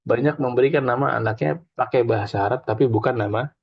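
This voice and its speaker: A man's voice: medium pitch, fast, creaky, slightly rough, dry recording. Guy teaching arabic, chatty, lots of examples, dull dry lo-fi sound. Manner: chatty, explains with examples and drills repetition. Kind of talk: informal classroom lesson.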